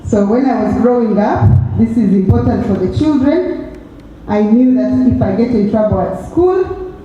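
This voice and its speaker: A woman in her forties with a Ugandan accent, speaking in a measured, reflective way about her life and family. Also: fairly high pitch, expressive, dark tone, heavy reverb, big-room sound, recorded from a distance, lo-fi sound, slight background noise. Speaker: interviewee sharing experiences. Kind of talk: reflective personal talk.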